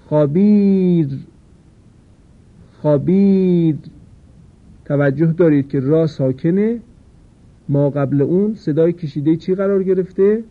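A man teaching a Quran recitation lesson, explaining rules patiently and slowly drawing out the example words. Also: a little high. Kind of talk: tajweed lesson. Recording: tinny phone-like lo-fi sound.

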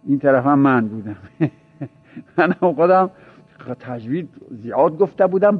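A religious teacher gives an informal seminary lecture, talking through his points conversationally with repeated examples and anecdotes he chuckles over. His voice sits on the high side, and the lo-fi recording sounds dull.

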